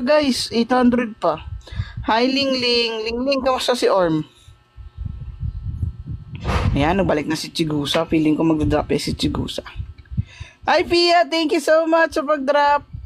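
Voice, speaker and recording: A woman hosting a casual livestream off camera, chatting, greeting and thanking viewers, and teasing them playfully. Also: on the high side. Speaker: livestream host. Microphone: phone, off camera voice-over.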